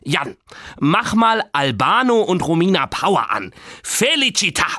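A man's voice: sits high, big pitch swings, measured pace, bright, forceful tone, no room sound, studio quality, pitched above the performer's own voice, exaggerated voice. A man doing a passionate old grandpa.

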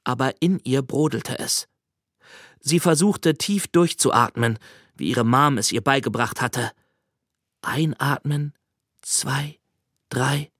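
In a clean studio recording with no room sound, a man with a medium-pitched voice reads an excerpt from a children's audiobook. His scripted narration is calm and measured, in a storytelling manner.

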